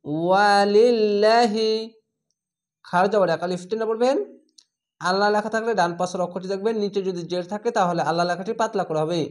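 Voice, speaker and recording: A man teaching Quran reading, patiently spelling out Arabic syllables and reciting words in a slow, drawn-out way. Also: sits high, fairly even intonation. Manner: patient, instructive.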